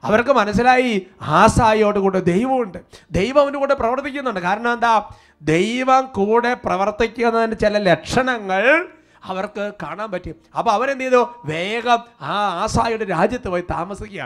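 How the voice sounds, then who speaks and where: A man's voice: sits high, normal speed. A man preaching a sermon, calling out for responses and quoting scripture. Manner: fervent prayer, then steady teaching. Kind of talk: sermon with prayer and worship.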